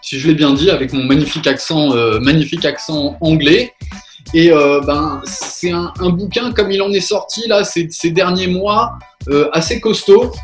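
A man hosting a radio chat show over a video call, talking casually with many pauses and restarts. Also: fairly high pitch, soft background music. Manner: hesitant, many fillers and restarts.

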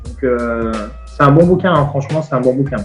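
A man's voice: mid-range voice, fairly quick, echoey room, faint music behind. A man who is a regular on a chat show, talking casually over a video call with many fillers. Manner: easygoing, hesitant with fillers.

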